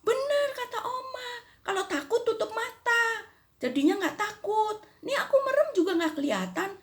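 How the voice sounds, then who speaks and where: Older woman playing a small timid child, squeaky, giggly, high-pitched. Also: expressive, moderate pace. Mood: giggly relief.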